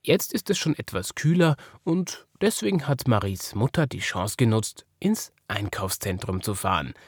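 A man with an Austrian accent narrating a children's story in a lively storytelling manner. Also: fairly low pitch, moderate pace, breathy edge, no room sound, studio quality. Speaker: podcast storyteller.

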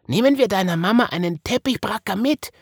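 A man voicing a lively, helpful female toy hare in a children's story, with an Austrian accent and squeaky excitement. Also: a little fast, husky, dry recording, studio quality, exaggerated voice. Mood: excited.

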